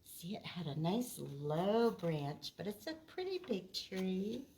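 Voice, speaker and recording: A children's librarian runs preschool storytime, reading picture books with expression and explaining things simply to little kids. Her mid-range voice is warm and sing-song, and she speaks at a slow pace.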